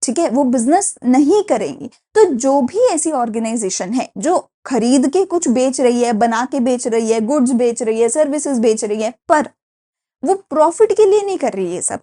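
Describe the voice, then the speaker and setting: A young woman with an Indian accent delivers a recorded classroom lecture. Her voice sits high yet sounds mellow and soft-edged. She explains patiently, asking rhetorical questions and checking in with her students. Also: expressive, normal speed. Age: young adult. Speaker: teacher.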